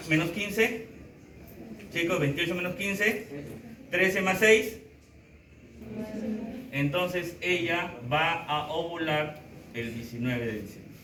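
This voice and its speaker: A man teaching a class, animated, counting aloud and quizzing his students as he works at the board. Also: high-pitched, reverberant, far from the mic, a little hiss or hum, low-quality recording. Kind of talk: classroom lecture.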